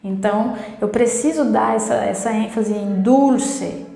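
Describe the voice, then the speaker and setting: A Brazilian woman, a native Portuguese speaker, giving a casual Spanish lesson in a chatty way, often repeating herself and slowing down to demonstrate sounds. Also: medium pitch, fairly even intonation, gravelly, dark tone. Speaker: Spanish teacher. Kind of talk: casual online language lesson. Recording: echoey room with long reverb.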